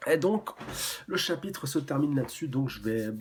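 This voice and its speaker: A man's voice: medium pitch, animated, fairly quick, a little hiss or hum. A young man casually reviewing a manga chapter, rambling with many fillers and restarts, and reading panels aloud.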